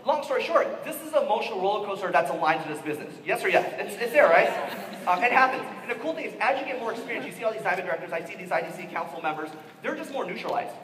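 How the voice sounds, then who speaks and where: A man giving an animated motivational training talk to a room, acting out the people he quotes. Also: high voice. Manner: animated, quick-talking, acts out quoted people. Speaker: network marketing trainer. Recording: echoey hall from far off.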